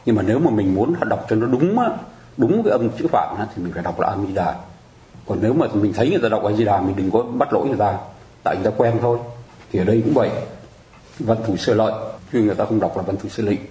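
Man, Buddhist teacher, patient and chatty explainer, low relaxed voice, roomy echo. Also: very fast. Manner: patient, explanatory, keeps asking listeners to agree. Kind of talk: conversational teaching on mudras and mantras.

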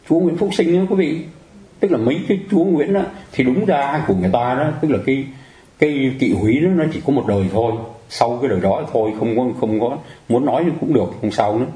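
Buddhist teacher guy giving a dharma talk, warm low-key tone, keeps asking the crowd "right?", echoey room. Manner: conversational, keeps asking the audience to agree.

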